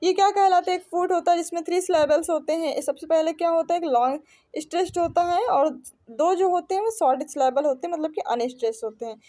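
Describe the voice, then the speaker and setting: High-voiced Indian woman teaching. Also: dark tone. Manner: reads questions slowly, then explains in Hindi with repeated quiz-like questions. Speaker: English teacher. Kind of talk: exam-prep lesson.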